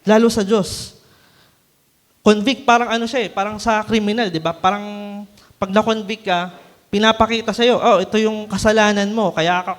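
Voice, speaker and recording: A man's voice: sits high, a bit bright, long reverb tail. A man from the Philippines, a preacher giving a conversational sermon, often checking in with his listeners through short tag questions. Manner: conversational, frequent tag questions and light laughs.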